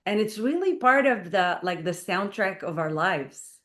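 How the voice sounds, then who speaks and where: An earnest Israeli woman, a playwright and performer, speaks as a guest in a talk radio interview, leaning on fillers like "like" and "you know." Her medium-pitched voice is animated, a little slow, and a bit bright, picked up on a studio microphone.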